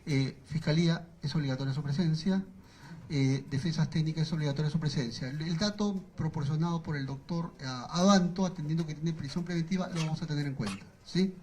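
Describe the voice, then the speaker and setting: A Peruvian judge running a courtroom session, handing out scheduling orders in a measured, procedural way with frequent hesitations. His voice is somewhat high for a man, with a faint hiss in the recording. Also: darkish tone. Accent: Peruvian Spanish. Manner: procedural, hesitant with fillers, brisk rulings. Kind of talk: presiding over a court hearing.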